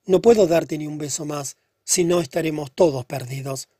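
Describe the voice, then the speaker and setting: A man reading the part of a pale, troubled young woman who speaks softly and sadly. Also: low-pitched, normal speed, husky, dry recording, clean studio sound. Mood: pleading. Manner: soft, subdued and hushed.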